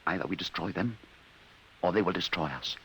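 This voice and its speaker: A man's voice: low-pitched, animated, a little fast, fairly bright tone, rough recording. An actor playing a remorseful, weary male inventor in a 1950s radio drama, heard on an old radio recording. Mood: grave. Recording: hissy old radio broadcast.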